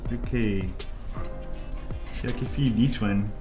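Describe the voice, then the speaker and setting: Over music, a man speaks slowly as he casually walks through a soldering tutorial at an indoor workbench. Raised in Korea and a native Korean speaker, this 3D printing tutorial host is chatty and rambling, jumping into excited high exclamations and muttering asides. It's a hands-only shot at the workbench with the microphone off-camera.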